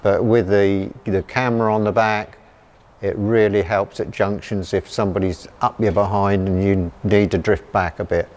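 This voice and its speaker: An older man with a slightly low voice speaks in plain, enthusiastic terms, often repeating a word before carrying on. He is a sprayer operator giving a customer testimonial in a large farm machinery shed, recorded on a clip-on mic. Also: little pitch movement, moderate pace, darkish tone. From England.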